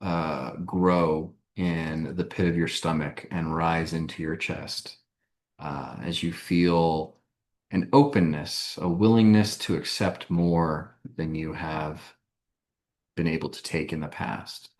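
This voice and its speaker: A man running a tabletop game as game master, narrating in a slow, halting way with many fillers. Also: very deep voice, fairly even intonation, a little mellow.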